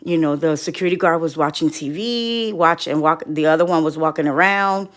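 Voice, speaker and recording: A woman's voice: low-pitched, brisk. Chatty woman vlogger recounting a story. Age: middle-aged. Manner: animated storytelling, acting out quoted people; rambling with many restarts. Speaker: couponing vlogger. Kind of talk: casual personal update to viewers.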